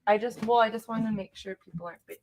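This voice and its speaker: A woman's voice: fairly high pitch, fast, a crowd in the background. A woman hosting a live auction, chatting casually in an effusive, exclamatory way. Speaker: auction host.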